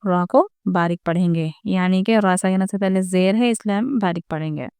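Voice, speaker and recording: A woman's voice: lowish voice, normal speed, darkish tone, clean tone, no echo. A woman teaching Quran reading rules step by step, patiently explaining each rule and asking her viewers rhetorical questions. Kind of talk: step-by-step recitation lesson.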